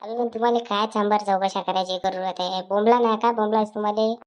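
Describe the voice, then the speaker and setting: A woman's voice: medium pitch, steady tone, natural voice. A woman voicing a grumpy grown village man. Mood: irritated scolding. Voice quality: scolding, coarse, rapid grumbling.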